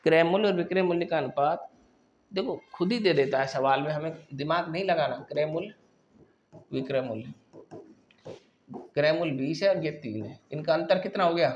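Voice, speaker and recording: A male maths teacher giving a classroom lesson, working through problems step by step and often pausing to check that students follow. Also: a little high, highs cut off, slight background noise.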